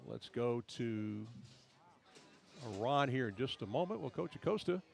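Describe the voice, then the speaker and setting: A man with an American accent calling a live high school football game as the play-by-play commentator. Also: animated, measured pace, gravelly.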